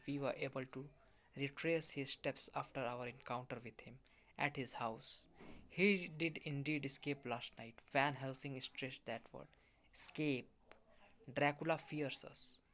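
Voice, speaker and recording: A man narrating a comic book in a steady, diary-like voice-over. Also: medium pitch.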